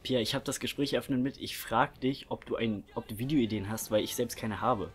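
A man's voice: mid-range voice, fairly quick, a bit bright. A young man chatting casually as the host of a prank-call video, recorded indoors. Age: young adult. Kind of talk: casual chat. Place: small indoor room with curtain behind. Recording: music faintly behind.

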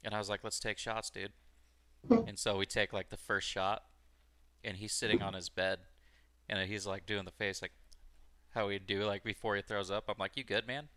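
A man in his twenties with a low, smooth, resonant voice, telling laid-back stories in a casual chat. He swears freely and talks in a relaxed, easy way. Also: moderate pace. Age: 20s.

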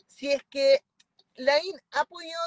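A Chilean woman in her thirties speaks fervently and emphatically on a video call from inside her car. Her high voice is steady and slow, with no room sound. She is a mentoring client, holding her phone at arm's length.

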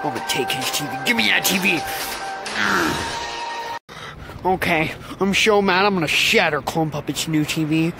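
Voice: mid-range voice, animated, measured pace, vocal fry, over music. A performer voicing a whiny, mischievous kid who frets and panics easily. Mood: grumbling. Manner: whiny, fretful. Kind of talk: fan puppet video acting.

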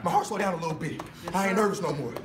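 A man's voice: high-pitched, rapid-fire, music in the background. A young man, a football player, giving an intense pregame pep speech, insistently repeating his phrases. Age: young adult. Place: indoor locker room. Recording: echoey locker room with team noise.

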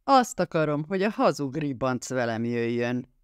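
A man voicing a drunk, violent, jealous husband who snarls and yells his threats, raised and loud against his own reading voice. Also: mid-range voice, big pitch swings, smooth, no room sound, clean studio sound, natural voice. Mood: menacing. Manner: snarling, yelling, slurring threats.

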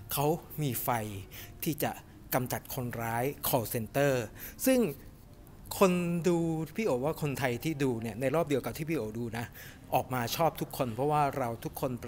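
A middle-aged man giving a casual, animated film review to camera in a cinema lobby, chatting with lots of fillers. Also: medium pitch, a little hiss or hum. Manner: chatty and animated, refers to himself by nickname, many fillers. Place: cinema lobby in front of a movie poster, indoors.

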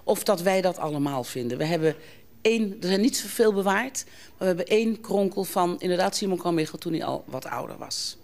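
A presenter of the programme, leading the conversation briskly. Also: mid-range voice, expressive, darkish tone.

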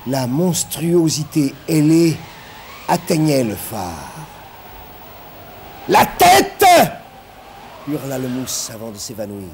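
A man telling a frightening story on television in a theatrical way, dropping to hushed tones and rising to cries. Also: mid-range voice, a little slow, slight background noise. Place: television studio set of a haunted castle.

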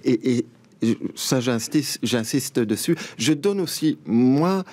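An older man, an actor answering interview questions in a halting way, often restarting and searching for words. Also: medium pitch, animated, darkish tone. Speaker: actor and guest.

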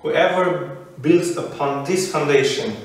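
Man, preacher, halting short phrases, restarts, echoey hall, distant mic. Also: fairly high pitch. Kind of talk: sermon with interpreter.

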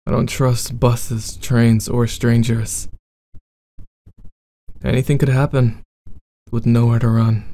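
Man playing a slow, mellow bad-boy boyfriend. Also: mid-range voice, little pitch movement, dry recording. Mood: possessive, protective. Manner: intimate, slow, demanding. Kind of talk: ASMR boyfriend role-play, addressed to listener.

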